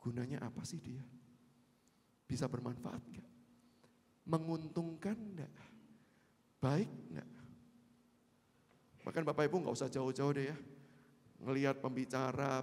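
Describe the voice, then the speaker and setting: A male pastor with an Indonesian accent giving a conversational sermon, moving from quiet asides to loud emphatic peaks. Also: mid-range voice, measured pace, long pauses, in a large hall. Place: church sanctuary.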